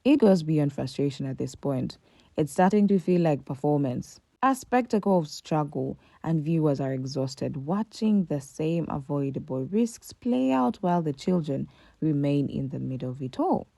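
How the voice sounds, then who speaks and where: A woman's voice: low-pitched, animated, moderate pace, creaky, dark tone, no echo. A woman reading a scripted commentary voice-over, emphatic and full of rhetorical questions. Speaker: commentary narrator.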